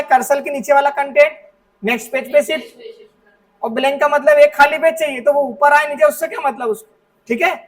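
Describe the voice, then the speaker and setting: Man teacher with a high voice, patient step-by-step explainer, miked from a little distance in a classroom. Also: fairly bright tone. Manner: explains step by step, often checks understanding with "ठीक है". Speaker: computer teacher. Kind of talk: classroom software lesson. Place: classroom with students present.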